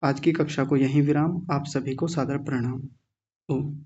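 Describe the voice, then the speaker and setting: A man teaching an online class, slowly drilling the correct pronunciation of each word. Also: medium pitch, fairly even intonation, darkish tone, breathy edge, muffled recording. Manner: slow, careful pronunciation drill.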